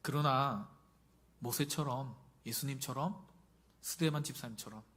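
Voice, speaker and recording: A middle-aged male pastor giving a conversational sermon and often putting questions to the congregation. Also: medium pitch.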